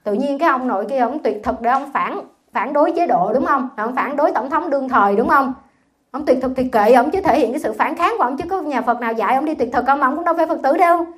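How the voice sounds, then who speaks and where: Buddhist nun, middle-aged woman, high voice, lively scolding sermon, chatty storytelling. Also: fast talker. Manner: animated, scolding, colloquial storytelling. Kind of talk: dharma talk.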